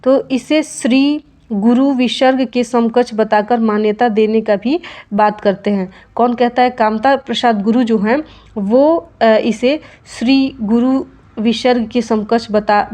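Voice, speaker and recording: A young woman teaching a grammar lesson, her voice sitting a little higher than most. She explains step by step and often stops to check that her students follow. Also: measured pace, dark tone.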